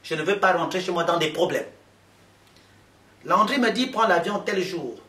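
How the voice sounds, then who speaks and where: A man's voice: fairly high pitch, brisk, a bit bright, distant mic. Emphatic man telling his story, echoey room. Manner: emphatic, repetitive storytelling with many fillers. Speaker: speaker addressing journalists. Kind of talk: impassioned spoken testimony.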